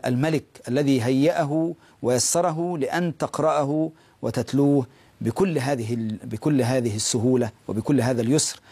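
A man hosting a Quran lesson, preaching fervently and repeating phrases for emphasis, with a husky voice. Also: medium pitch, dark tone, no echo. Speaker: host of a Quran teaching program. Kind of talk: preaching exhortation.

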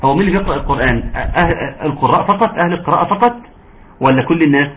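A man with an Egyptian accent teaching a tajweed lesson, patient and encouraging, sometimes slowing into drawn-out recitation. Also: a little high, animated. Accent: Egyptian Arabic. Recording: narrow phone-like audio, faint hiss.

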